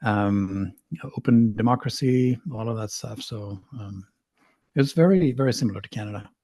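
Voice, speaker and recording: A man's voice: on the low side, moderate pace, mellow, no echo. A middle-aged man from Sweden, a podcast guest talking casually, rambling and self-deprecating with frequent restarts. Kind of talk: casual interview talk.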